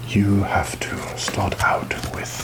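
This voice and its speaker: A man playing a roguish, rum-obsessed pirate captain in a breathy, halting whisper for an ASMR roleplay, with wary, theatrical, mock-grand phrasing. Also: close to an everyday voice. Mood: sly, instructive.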